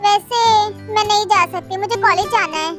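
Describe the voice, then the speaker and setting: A young woman plays a kind, polite young woman speaking softly in a very high voice. Faint music sits under the storybook. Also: moderate pace. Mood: gentle. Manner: soft, polite. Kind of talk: storybook voice acting. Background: faint background music.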